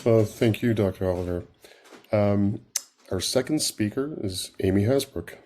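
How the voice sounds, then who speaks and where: Man moderating a panel, lowish voice, introducing speakers. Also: unhurried, a little mellow.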